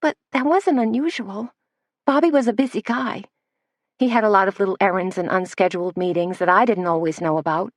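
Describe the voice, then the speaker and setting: Reading as a flustered young female assistant, a woman speaks fairly quickly in a voice close to everyday, raised and higher pitched, breathless with words tumbling out. The recording is dry and of studio quality.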